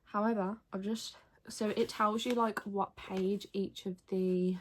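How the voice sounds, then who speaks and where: A woman's voice: fairly even intonation, a little slow, slight background noise, poor audio. A young woman chatting casually in a reading vlog, upbeat and full of fillers. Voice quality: slight lisp from a retainer. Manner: quiet, low-key late-night talk; hushed, near-whispered. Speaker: book vlogger.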